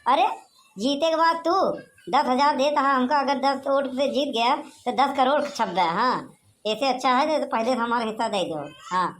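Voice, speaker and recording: A cunning, haggling villager, voiced by a woman, who sells his vote and nags with endless "haan?" tags. He speaks in a rustic Awadhi accent at a fairly high pitch. Cartoon comedy voicing. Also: moderate pace, lightly acted. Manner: loud, bargaining, rustic chatter with tag questions. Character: sly haggling village man Banwari. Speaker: villager voter.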